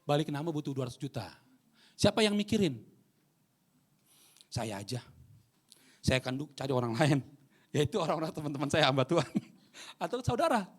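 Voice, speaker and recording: A male pastor, preaching a sermon in a church hall. He jokes with the congregation and swings between loud preaching and quiet asides. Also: fairly high pitch, normal speed, pauses often. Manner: animated, joking with the congregation.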